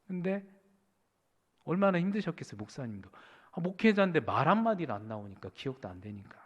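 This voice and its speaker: A man preaching as a pastor, telling a story in an animated way and acting out the voices of the people in it. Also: a little high, fairly quick, breathy edge, muffled recording. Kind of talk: sermon storytelling. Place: church sanctuary. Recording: church hall with long reverb.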